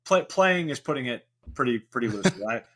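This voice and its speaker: A man's voice: mid-range voice, animated, quick pace, a loud crowd. A middle-aged man, a guest on a podcast, talking candidly in a casual, rambling way with lots of fillers. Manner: rambling, candid, full of "you know" fillers. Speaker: podcast guest, venture investor. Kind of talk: casual interview conversation.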